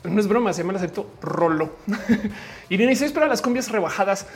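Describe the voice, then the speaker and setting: A woman's voice: mid-range voice, lively intonation, brisk. A woman from Bogotá whose Colombian accent has faded, with Mexican slang mixed in. She chats casually on a live stream, reads the chat aloud, swears lightly and laughs often.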